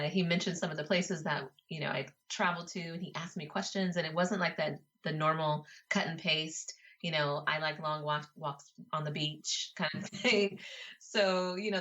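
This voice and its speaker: Lower-voiced American woman, slightly muffled. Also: fairly bright tone. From Colorado, United States. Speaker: interview guest, travel and food blogger. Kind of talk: casual conversational storytelling. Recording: slightly dull internet call audio.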